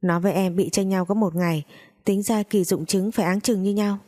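A woman's voice: mid-range voice, steady tone, brisk, warm tone, natural voice. A woman doing a sly, sweet-talking young friend. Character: two-faced young woman friend, scheming.

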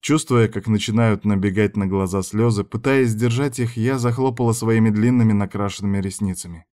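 Low-voiced male audiobook narrator. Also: brisk, warm tone. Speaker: audiobook reader. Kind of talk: scripted narration.

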